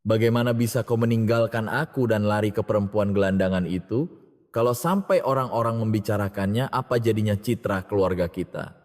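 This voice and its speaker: A man voicing a spiteful young wife with a sharp, mocking tongue, in a storybook reading with long reverb. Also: lowish voice, brisk, close to an everyday voice. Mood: sneering.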